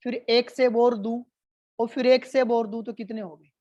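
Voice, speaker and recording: A woman voicing a stern male schoolteacher who quizzes a pupil, asking slowly and patiently before growing exasperated. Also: fairly high pitch, steady tone, a little mellow, dry recording, highs cut off, close to an everyday voice. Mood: questioning.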